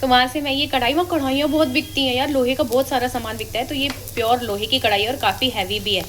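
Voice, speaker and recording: Woman, 30s, slightly high voice, chatty home vlogger addressing viewers, faint background noise. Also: steady tone, fast talker, fairly bright tone, low-quality recording. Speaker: family vlogger and mother. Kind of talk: casual vlog chat to viewers. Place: home kitchen.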